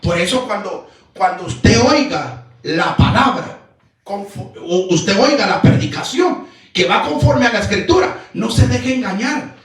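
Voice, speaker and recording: A man preaching a sermon as pastor, emphatic, firing rhetorical questions and breaking into shouts. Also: sits high, expressive, a little slow. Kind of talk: Pentecostal-style sermon. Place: church sanctuary. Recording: very echoey church hall, mic far off.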